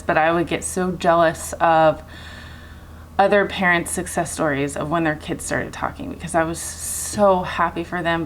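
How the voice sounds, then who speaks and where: A woman with a moderately low-pitched voice tells a personal story in a casual vlog style. She speaks earnestly as a parent and repeats words for emphasis. A faint ambient noise sits behind her. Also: low-quality recording. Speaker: vlogger and parent.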